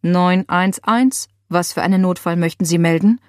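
A woman voicing a calm, businesslike emergency dispatcher who speaks in a measured, formal way. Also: lowish voice, no room sound, clean studio sound, lightly acted.

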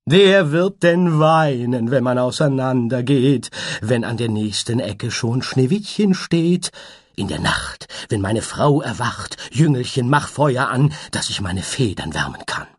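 A man putting on a giddy little butterfly minstrel, lifted high above his husky speaking voice and swooping all over. He draws his phrases out in a playful sing-song, like a storybook character half-singing every line. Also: very animated, slow, full character voice. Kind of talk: storybook reading.

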